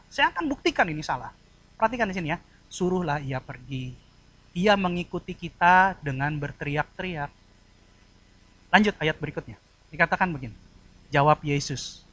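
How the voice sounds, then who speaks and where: A male preacher delivering a sermon with a lively pitch that swings up and down as he acts out different tones of voice. He talks conversationally and keeps quizzing his listeners, and the recording is dry and close. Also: dry recording. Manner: conversational, mixes colloquial asides into teaching.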